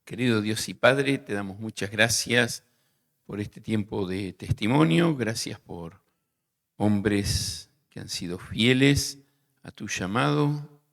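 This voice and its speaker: A man with a gravelly voice leading a slow, measured spoken prayer. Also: on the low side, long reverb tail. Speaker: leader praying.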